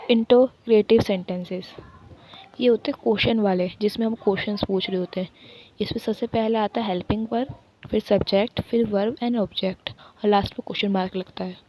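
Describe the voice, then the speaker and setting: A woman's voice: medium pitch, a little mellow, a little hiss or hum, rough recording. Hindi-speaking woman teaching English basics. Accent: Indian. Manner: reads English lines slowly then explains in Hindi. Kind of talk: exam-prep lecture explaining notes.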